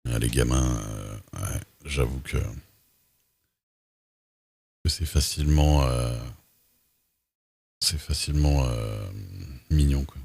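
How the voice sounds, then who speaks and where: A man's voice: very deep voice, takes it slowly, pauses often, darkish tone, slightly rough, no room sound, studio quality. A man chatting casually while streaming a game, laid-back and hesitant, often stopping on fillers. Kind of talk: casual gameplay chat.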